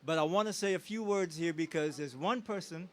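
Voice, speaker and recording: At an outdoor street celebration, a high-voiced man speaking a little fast gives a tribute speech to honor a parent. Emotional yet rousing, this family member works the crowd with call-and-response questions.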